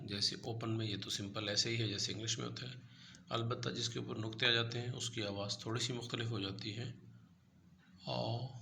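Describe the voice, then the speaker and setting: A man's voice: on the low side, bright, forceful tone, a little hiss or hum. A man teaching a language lesson, patiently going through letters one by one over a chart.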